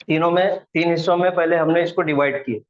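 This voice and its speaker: Male grammar teacher, slightly raised pitch, repeats each point patiently; roomy echo, muffled lo-fi sound. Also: fairly even intonation, quick pace. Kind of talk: classroom lesson explaining grammar at a board. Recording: echoey room, dull lo-fi sound.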